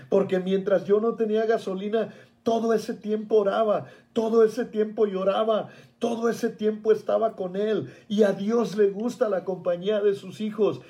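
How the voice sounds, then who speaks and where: Fervent high-voiced man preaching. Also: mellow. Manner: fervent, emotional, repeating phrases in prayer. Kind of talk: sermon with personal testimony.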